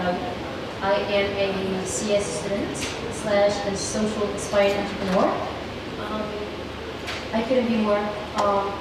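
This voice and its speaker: A young woman moderating a conference panel, hesitant, with many fillers. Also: mid-range voice. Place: conference hall. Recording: echoey hall, mic far, noisy.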